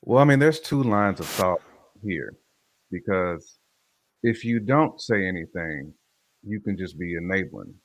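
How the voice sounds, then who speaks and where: With a Southern American accent and a low voice, this man co-hosts a casual chat, laying out his views in a conversational way. He speaks unhurriedly with lively intonation, often leaning on "you know what I'm saying" as he explains.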